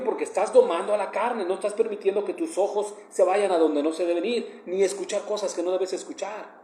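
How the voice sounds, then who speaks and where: A man's voice: sits high, warm tone, reverberant, a little hiss or hum. A man with a northern Mexican accent, giving a devotional meditation in a conversational, earnest way that often turns emphatic. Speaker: preacher.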